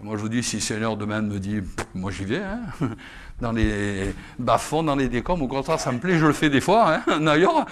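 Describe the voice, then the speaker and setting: A man preaching to a congregation as pastor, talking in a chatty, lively way and often tagging his sentences with "hein?" and a laugh. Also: mid-range voice, normal speed. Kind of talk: sermon. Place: church service with a congregation.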